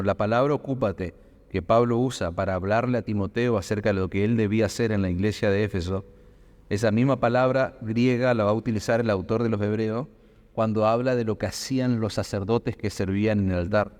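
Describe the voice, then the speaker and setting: A man's voice: medium pitch, a little mellow. A man preaching a sermon, asking rhetorical questions and building emphasis. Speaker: pastor. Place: church hall. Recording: long hall reverb.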